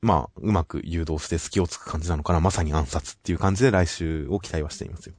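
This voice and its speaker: A man with a low, steady voice talks through manga chapters in a measured, polite way. The sound is dry and close, with no room around it. He sounds like a regular co-host in casual chat. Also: no echo. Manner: measured, polite, summarizing plot. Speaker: podcast co-host reviewing manga.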